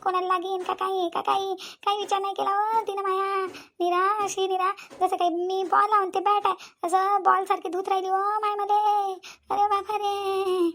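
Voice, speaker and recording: A woman's voice: extremely high pitch, level tone, fairly bright tone. A woman voicing a bruised village auntie in a cartoon who groans, whines and vows revenge. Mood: groaning. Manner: slow, groaning complaints. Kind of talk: cartoon voice acting.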